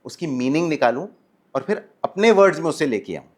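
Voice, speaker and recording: A man with an Indian accent speaks as a communication coach, recorded on an indoor podcast set. He explains in an animated way and moves easily between Hindi and English phrases. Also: fairly high pitch, brisk. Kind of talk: podcast interview.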